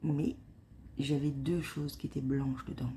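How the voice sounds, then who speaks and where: A woman whispering and speaking very softly in a hushed early-morning vlog, hesitant, with many fillers and restarts. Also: rumbling low, fairly even intonation, a little slow, a little hiss or hum. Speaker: vlogger. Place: at home before dawn.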